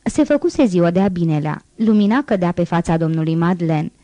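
A woman narrating a classic novel in an audiobook, reading in a measured, even way. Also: fairly low pitch, dry recording. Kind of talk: scripted narration.

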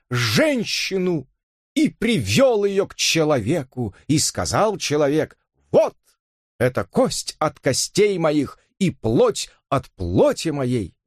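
A tearful, pompous preacher, as a male narrator puts him on, pleading in a high, trembling declamation. The voice swoops wildly through its range. The recording is close and dry. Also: dry recording, exaggerated voice. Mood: pompous quoting.

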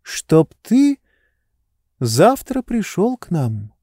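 A playful young woman who teases and dodges questions, voiced by a man reading a storybook aloud. The voice is lifted well above his own, dark in tone and lively in its swings of pitch, with a close, dry sound. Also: very slow, slightly rough, no room sound, exaggerated voice. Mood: teasing. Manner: teasing, capricious. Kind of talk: audiobook reading.

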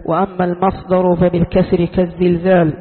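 A high but flat-toned man reading a classical text aloud in steady, even phrases. The recording is thin and phone-like, with a long reverb trailing off in a large hall. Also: a little fast.

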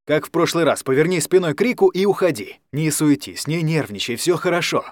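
A man voicing a calm, firm male coordinator who reassures and directs clearly. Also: on the high side, a little fast, no echo, close to an everyday voice. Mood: reassuring.

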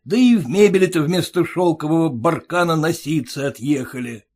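A man doing a jeering young groom, high and loud. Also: moderate pace, natural voice. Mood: resentful. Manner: jeering, mocking, indignant. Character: young male groom, sarcastic, quarrelsome, grasping.

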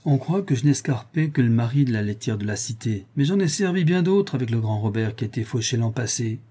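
Un homme lisant à voix haute prête sa voix à un jeune détenu qui se vante en imitant les autres. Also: male voice, mid-range voice, animated, fast, mellow, breathy edge. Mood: boastful. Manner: bragging. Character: bragging young male convict, imitating bravado.

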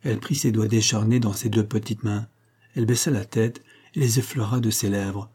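A man reads a classic novel aloud with measured, literary narration. His voice is dark and mellow, with a husky edge to it. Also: fairly low pitch, fairly even intonation. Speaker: audiobook narrator.

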